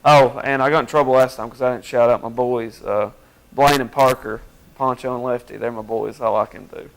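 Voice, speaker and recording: A man's voice: mid-range voice, steady tone, fairly quick, slight background noise, poor audio. A young adult man chatting casually as a guest on a talk show, rambling easily from one point to the next. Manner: chatty, rambling shout-outs. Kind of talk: casual chat.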